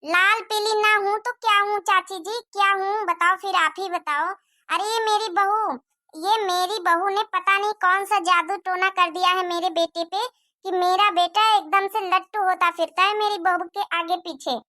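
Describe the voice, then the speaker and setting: A woman's voice: very high-pitched, steady tone, moderate pace, sharp tone, no echo, studio quality. A woman voicing a jealous middle-aged mother-in-law who scolds and complains at length in a cartoon moral story. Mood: complaining.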